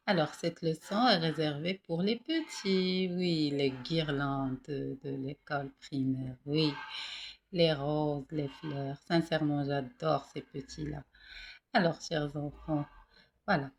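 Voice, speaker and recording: A woman teaching a reading lesson to young children. She coaxes them gently and sounds out syllables slowly and one by one. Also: low-pitched, slight background noise. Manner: warm, coaxing, repeats syllables slowly for children. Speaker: primary school teacher.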